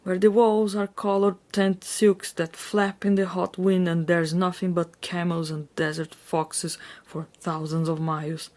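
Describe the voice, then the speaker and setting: A woman's voice: on the low side, little pitch movement, measured pace, hardly any pauses, darkish tone, close to an everyday voice. A woman voicing a storybook mother with theatrical, declaiming delivery. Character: dramatic, reassuring mother in a storybook.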